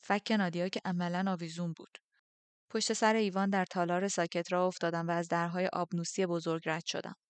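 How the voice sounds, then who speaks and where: A woman narrating a story in the first person, steady and subdued. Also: on the low side, clean tone, no echo. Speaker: audiobook narrator.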